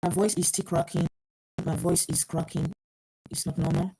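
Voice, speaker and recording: Speaking at normal speed in a low-leaning, warm but flat voice, a woman hosts a live online program through an earpiece mic, and the audio is poor. She's flustered, troubleshooting technical issues aloud with frequent fillers and restarts.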